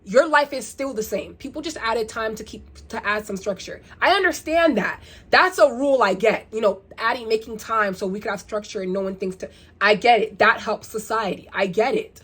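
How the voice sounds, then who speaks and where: A chatty young woman talks straight to her followers in a loose, rambling vlog style. Her voice sits a little high, and she piles up rhetorical questions with lively energy. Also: moderate pace, slightly rough. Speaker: vlogger. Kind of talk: casual get-ready-with-me vlog.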